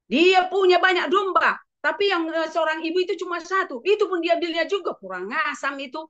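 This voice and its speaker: A woman's voice: very high voice, animated, a little fast, fairly bright tone, voice pushed up. A woman preacher voicing a stern male prophet who accuses a king to his face, in a dull lo-fi recording. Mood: accusing. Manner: accusing, emphatic.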